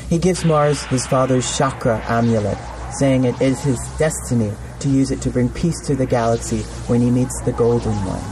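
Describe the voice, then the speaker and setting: A man telling a playful, campy sci-fi story in scripted narration. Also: mid-range voice.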